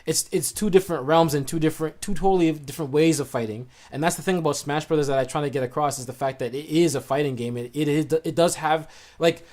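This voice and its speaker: A man's voice: fairly high pitch, fast talker, a little mellow. A man on a podcast panel, arguing earnestly and restarting sentences to make his case. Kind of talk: casual debate.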